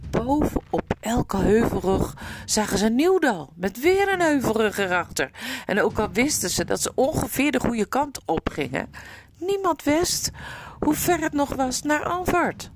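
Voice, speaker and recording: A woman reading a children's adventure story aloud in an expressive, dramatic way, in a noisy recording. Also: fairly high pitch, a little slow. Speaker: narrator.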